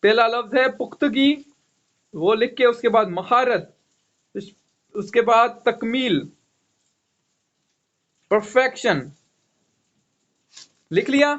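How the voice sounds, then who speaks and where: Male teacher, high voice, unhurried delivery, spells words out, dull lo-fi online audio. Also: a bit bright. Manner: spells words letter by letter, repeats "okay" often. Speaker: English teacher. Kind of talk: online vocabulary lesson.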